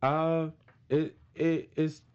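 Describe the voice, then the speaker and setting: A man's voice: a little high, little pitch movement, extremely slow, a little mellow, smooth. A man from Miami giving frank, rambling opinions in a casual recap chat, with many fillers. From Miami, Florida. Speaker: panelist. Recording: dull lo-fi audio.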